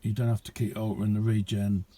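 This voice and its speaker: A middle-aged man with a lowish, warm voice talks quickly and flatly in a casual hands-on video, rambling in a modest, self-mocking way while showing his amateur radio kit in a small indoor radio room.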